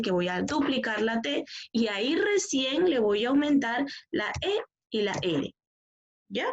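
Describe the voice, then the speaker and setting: A woman teaching an English grammar lesson in Spanish over a video call, with an Ecuadorian accent. She explains patiently and keeps checking whether her students follow. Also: mid-range voice. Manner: patient, repeats "¿ya?" and "¿verdad?" to check understanding. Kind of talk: online class explanation. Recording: dull lo-fi video call audio.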